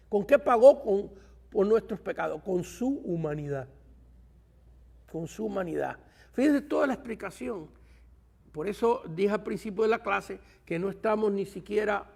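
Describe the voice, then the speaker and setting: A man teaches a Bible seminary class in a high voice with a gravelly, creaky edge. He keeps asking his listeners questions and then answers them himself. He often pauses mid-sentence while he looks for the best way to say something. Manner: pauses to search for words; asks the class rhetorical questions. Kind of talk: Bible study lecture.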